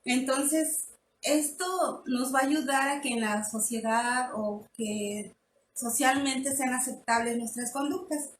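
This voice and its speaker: A woman with a fairly high voice teaches parents in a live online session. She explains slowly and patiently, often restarting her phrases. The room sounds echoey, with a faint hum behind her. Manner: explanatory, with many restarts and fillers. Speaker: parenting workshop facilitator.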